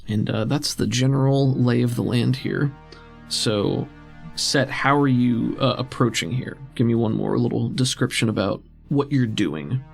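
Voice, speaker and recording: A man serves as game master for a tabletop roleplaying game, describing scenes in a conversational, storytelling style. His mid-range voice is gravelly and unhurried. Music plays behind him.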